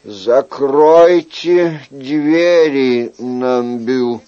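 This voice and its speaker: Casting: a man doing a weary, wry king, low and unhurried, muffled recording. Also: expressive. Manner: soft, measured, wry. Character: weary, wry middle-aged male king.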